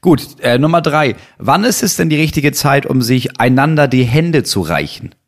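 Gravelly laid-back man co-hosting. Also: medium pitch, animated, normal speed. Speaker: podcast co-host. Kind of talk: comedic improvised chat.

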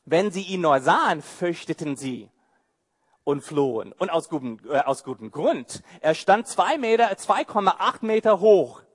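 Male pastor for a sermon; high, swooping voice, unhurried, playful and mocking. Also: husky. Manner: animated, mocking asides and rhetorical questions.

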